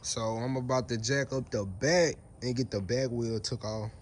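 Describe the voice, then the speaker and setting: A man's voice: medium pitch, moderate pace. A man talking casually while he works on a truck outdoors, recorded on a phone camera. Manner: relaxed, talks as he works, points things out. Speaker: DIY car repair vlogger. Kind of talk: casual how-to narration while working. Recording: noisy outdoor phone video.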